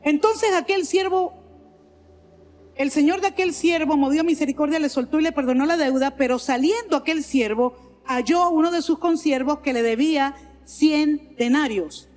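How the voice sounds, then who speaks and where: High-voiced Venezuelan woman preaching in a hall. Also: normal speed, darkish tone. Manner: earnest preaching with repeated phrases and frequent "amén". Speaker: pastor. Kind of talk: sermon. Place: large church sanctuary. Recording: long hall reverb, faint music underneath.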